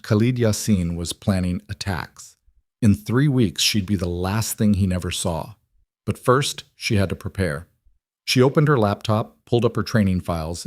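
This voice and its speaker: A man reads a story in a terse, measured, deadpan way. His voice sits low and the sound is dry and close. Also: no room sound. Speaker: narrator. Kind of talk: scripted story narration.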